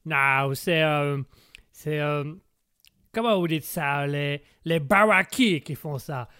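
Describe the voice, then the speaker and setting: A man's voice: fairly high pitch, slow pace, bright, forceful tone, clean tone, dry recording, clean studio sound. A man playing a boastful Texan billionaire gun-maker who fumbles for words and drops English words into his talk. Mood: indignant.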